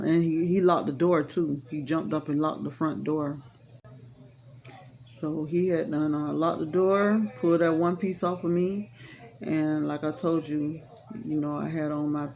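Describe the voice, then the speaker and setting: A woman's voice: lowish voice, a little mellow. A woman telling a personal story in a casual, rambling way, frank and matter-of-fact, with many fillers. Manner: rambling, full of "you know" fillers; frank and matter-of-fact about hard events.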